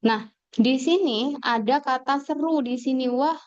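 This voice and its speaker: A woman's voice: sits high, darkish tone, no echo. Woman teaching over a video call. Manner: slow explanatory teaching with many fillers. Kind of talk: online class lecture. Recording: dull lo-fi video call audio.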